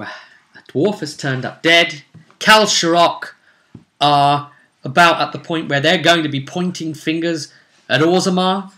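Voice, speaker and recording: Sharp in tone and fairly high in pitch, a man recaps a tabletop fantasy game in his role as game master and series presenter, keeping it casual and dramatic with wry comments on the side.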